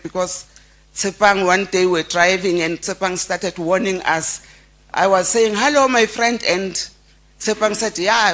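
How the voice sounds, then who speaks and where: Woman, middle-aged, South African accent, memorial eulogy, heartfelt storytelling, halting restarts, mid pitch. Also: a bit bright. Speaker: family friend giving a tribute.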